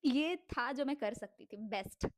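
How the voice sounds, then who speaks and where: A young woman telling a casual storytime about her school days, animated, swearing freely and mixing in English words. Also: high-pitched, measured pace, dry recording.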